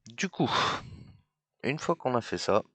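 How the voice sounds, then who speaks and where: A man giving a screen-recorded coding tutorial, thinking aloud in halting steps as he works. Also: medium pitch, very animated, a bit bright, slightly rough, no room sound. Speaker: software trainer.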